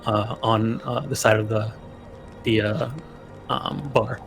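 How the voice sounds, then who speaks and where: A man narrating a tabletop role-playing game as game master, improvising haltingly and searching for words. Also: on the low side, flat delivery, vocal fry, over music.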